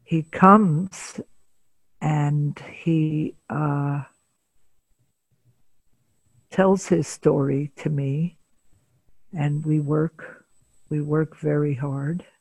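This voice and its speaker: An older woman, a psychotherapist, telling a patient's story in an interview, measured and pausing often to gather her thoughts. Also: low-pitched, fairly even intonation, no room sound. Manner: measured, pauses often with filler sounds. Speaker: psychotherapist guest.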